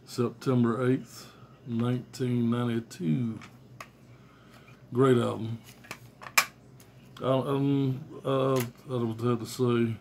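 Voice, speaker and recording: Pausing often and taking it slowly, the middle-aged man talks in a flat, darkish mid-range voice with vocal fry, with a little hiss or hum audible. He's a music collector vlogger casually and profanely rambling about his cassettes, blunt and offhand, filmed on a phone at arm's length in a small bedroom.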